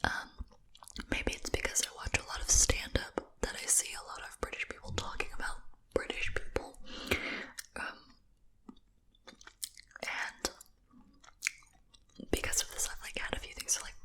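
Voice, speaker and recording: A woman's voice: normal speed, long pauses, sharp tone. A woman from Japan whispering a casual, rambling ASMR chat while chewing gum. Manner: rambling, giggly asides. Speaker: host of a rambling ASMR video.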